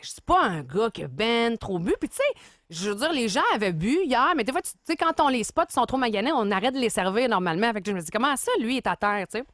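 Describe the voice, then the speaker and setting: A woman's voice: fairly high pitch, lively intonation, quick pace, fairly bright tone, no echo. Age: adult. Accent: Beauce Quebec French. Sex: woman. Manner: chatty radio storyteller, laughs often. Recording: dry studio mic. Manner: chatty, laughing, acts out voices in her stories. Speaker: radio co-host.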